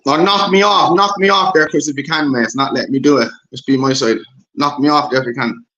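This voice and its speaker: A man's voice: medium pitch, fast talker, pushed and bright, highs cut off. A man joining a casual online voice chat over a bad connection that makes him sound distant. He repeats himself as he sorts out his audio. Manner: calls names and repeats himself while fixing his audio.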